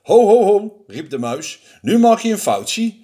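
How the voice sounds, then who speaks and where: A man's voice: fairly high pitch, very animated, a little slow, a little mellow, breathy edge, voice pushed up, heavily acted. A man voicing a small, clever, boastful mouse in a storybook reading, talking in a cheeky, bragging way.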